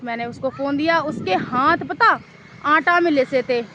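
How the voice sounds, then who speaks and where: A woman's voice: high voice, unhurried, sharp tone, a little hiss or hum. A woman vlogger casually telling a story to camera outdoors in a park, chatty and rambling, often repeating herself.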